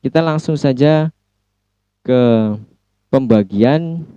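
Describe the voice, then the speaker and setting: Slow, mellow Indonesian-accented male lecturer. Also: a little high, clean tone, no room sound, muffled recording. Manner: mixes Indonesian and English, repeats sounds drawn out for practice. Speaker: English phonology lecturer. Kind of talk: slow recorded lecture explaining sounds.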